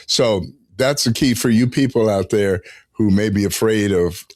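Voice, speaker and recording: A middle-aged man hosting a podcast in a studio, talking in a relaxed, meandering way with pauses. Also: fairly low pitch, no echo. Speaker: podcast host. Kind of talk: casual podcast conversation.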